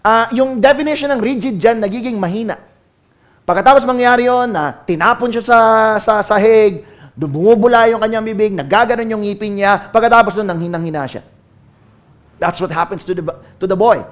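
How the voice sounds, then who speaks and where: A Filipino pastor preaching to his congregation in a notably high voice. He mixes English into his sermon and keeps calling on the crowd to answer him. His delivery swings between loud calls and low, quiet asides. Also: brisk. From Philippines.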